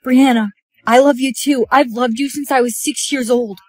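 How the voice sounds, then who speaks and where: A woman's voice: sits high, fairly even intonation, moderate pace, a little mellow, husky. A young woman acting earnest characters in a short melodramatic social video skit. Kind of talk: acted short social video skit, playing several parts.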